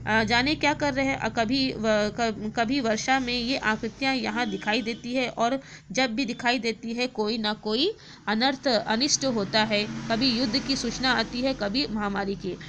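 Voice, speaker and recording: A woman's voice: fairly high pitch, fairly even intonation, a little slow, a bit bright, a little hiss or hum. Weary widowed village mother, as a woman teacher reads her. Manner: weary, sorrowful. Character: worried widowed mother, older, sorrowful.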